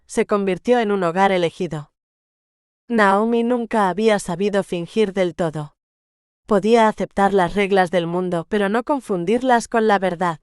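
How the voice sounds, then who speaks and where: Smooth-voiced woman narrating a romance. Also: mid-range voice, no room sound, clean studio sound. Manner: measured, gentle storytelling. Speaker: audiobook narrator. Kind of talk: audiobook narration of a romance novel.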